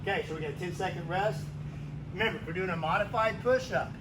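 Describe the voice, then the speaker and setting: A fairly high-voiced man leads a workout like a barking gym coach, giving short, energetic orders. He instructs while exercising, with clear background noise around him. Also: fast talker, distant mic. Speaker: fitness coach leading a workout. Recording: noisy room with gym ambience.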